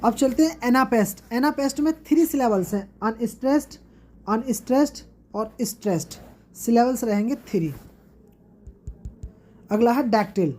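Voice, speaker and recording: A woman teacher with an Indian English accent, giving an exam-prep lesson and repeating each term slowly for her students. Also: on the high side, animated, a little mellow.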